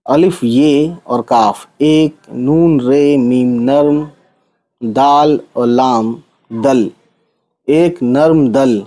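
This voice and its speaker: Slow, mellow-voiced male Urdu tutor. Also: medium pitch, rough recording. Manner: slow, patient letter-by-letter reading with frequent checks. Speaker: Urdu teacher. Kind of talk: spelling out Urdu letters for Hindi speakers.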